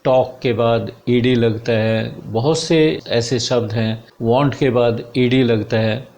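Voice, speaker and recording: A male teacher explaining English sounds to his students at an unhurried, deliberate pace. He repeats each example word several times so the class can catch it, speaking to them directly in a plain, mid-pitched voice. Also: steady tone, darkish tone. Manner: slow, repeats example words one by one to drill them; addresses students directly as dear students.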